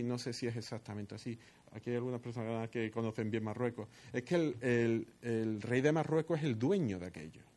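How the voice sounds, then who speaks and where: This man's mid-range, darkish voice carries an expository sermon on a Bible passage, punctuated by rhetorical questions and repeated "¿no?" tags. A headset earpiece serves as his microphone.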